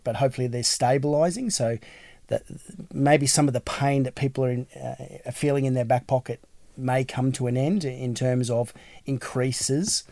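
Aussie bloke hosting a podcast, matey and plain spoken, dry close sound. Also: male voice, mid-range voice, a little mellow, no echo. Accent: Australian. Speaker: podcast host, real estate agency owner. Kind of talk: casual podcast interview.

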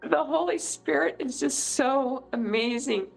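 A middle-aged woman from California speaks as an interview guest, earnest and emotional as she tells personal stories. Her voice sits a little high. Soft music plays faintly behind her. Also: unhurried, gravelly, low-quality recording. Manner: emotional, earnest, animated storyteller. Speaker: political candidate, guest.

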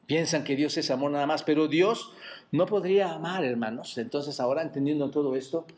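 A man with a Mexican Spanish accent preaching a sermon as pastor, asking the congregation rhetorical questions and dropping his voice to a quiet aside on "brothers". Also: on the high side, brisk. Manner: repeats "hermanos" in a dropped, quiet voice. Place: church.

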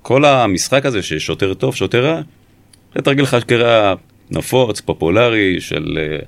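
A man, a former police interrogator, recounting in an interview how he questioned a suspect, speaking in a measured, emphatic way. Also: on the low side, lively intonation, gravelly, dry recording.

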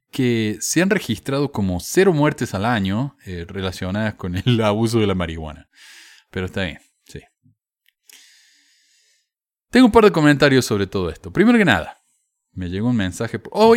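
A commentator on religious texts offers casual, frank remarks with a sardonic edge, hesitating and restarting as he goes. His voice is on the low side, recorded at studio quality with no echo.

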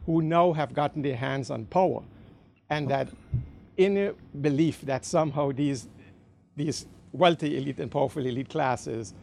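A man from the Caribbean speaks up from the audience with a gravelly voice. He asks a long question hesitantly, filling pauses and checking in with "right?". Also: fairly high pitch, a little mellow. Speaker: audience member asking a question.

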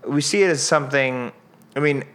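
A man's voice: medium pitch, a little fast, very noisy. A young man co-hosting a podcast, chatting casually with jokes and lots of fillers. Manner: joking, rambling with many fillers. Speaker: podcast co-host. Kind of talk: casual chat.

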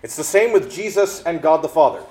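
A man preaching a sermon, reading scripture and then explaining it with lively acted-out exchanges. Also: on the high side, fairly quick. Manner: animated preaching, acts out exchanges in quoted voices. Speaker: pastor.

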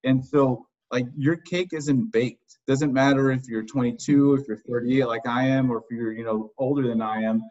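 A man in his thirties speaks reflectively as a podcast guest, pausing and restarting often. His voice sits at a middle pitch and comes through slightly dull, lo-fi audio. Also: steady tone, a little mellow. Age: 30s. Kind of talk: casual interview.

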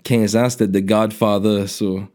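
A man with a Québécois French accent, from the Outaouais, talking as an interview guest. He speaks in a quiet, relaxed way, with English slang and swearing mixed in. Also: fairly low pitch, a little slow. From Outaouais, Quebec. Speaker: guest, music producer. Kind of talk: casual interview.

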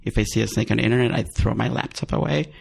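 A man's voice: lowish voice, fast, vocal fry, husky. A man co-hosting a theatre podcast, chatting casually and joking with many fillers and asides. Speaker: podcast co-host. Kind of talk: casual chat.

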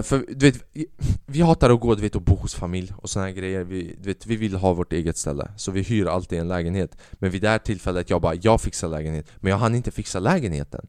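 A podcast host and stand-up comedian with a fairly low, smooth voice tells a story in a loose, casual monologue. He is animated, swears freely, and acts out the characters. The recording is dry and close, with no room sound.

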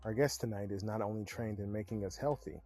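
A podcast host in a Chicago-area setup opens with a punchy scripted intro, then shifts into loose, chatty interview questions. His voice is lowish, fast, and a little mellow, delivered in an upbeat announcer style, with faint music behind.

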